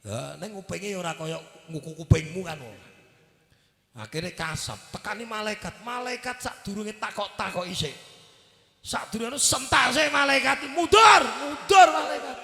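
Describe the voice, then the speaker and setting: High gravelly Javanese preacher, shouting jokes. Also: male voice, moderate pace, reverberant, in a large hall. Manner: animated, joking, shouting punchlines. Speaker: Islamic preacher. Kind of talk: village sermon. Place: outdoor village gathering.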